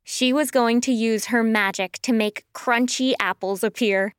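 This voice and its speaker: Woman reading a kids story slow and singsongy, high voice, dry close studio sound. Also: steady tone, clear, resonant tone, dry recording. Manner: slow, sing-song storytelling. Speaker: audiobook narrator. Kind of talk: children's audiobook narration. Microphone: close studio mic.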